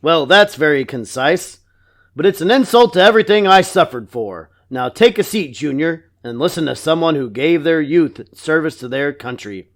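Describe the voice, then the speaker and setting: A man's voice: a little high, lively intonation, normal speed, a bit bright. A man voicing a stern, aggrieved war veteran turned school principal, formal and commanding.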